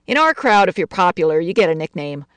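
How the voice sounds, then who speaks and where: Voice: medium pitch, sing-song, quick pace, a bit bright, clear, resonant tone, no room sound. A storyteller voicing a brash, boastful fourteen-year-old girl who snaps her gum. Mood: cocky. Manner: cocky, boastful.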